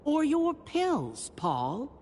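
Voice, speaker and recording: A haughty scheming leader. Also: female voice, sits high, wildly swooping pitch, very slow, a little mellow, big-room sound, slight background noise, full character voice. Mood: defiant. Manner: haughty and unapologetic. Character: cold, scheming woman community leader. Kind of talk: video game voice acting.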